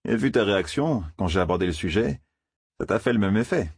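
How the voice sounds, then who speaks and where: A man's voice: lowish voice, animated, brisk, slightly rough, no room sound, studio quality. A man voicing a mischievous young village man, eager and chattering. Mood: earnest.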